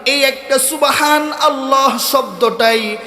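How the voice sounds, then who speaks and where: A man's voice: very high voice, slow. A man with a Mymensingh-region Bengali accent preaching a sermon, telling a story and building to rousing, rhythmic declamations. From Bangladesh. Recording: echoey hall over loudspeakers.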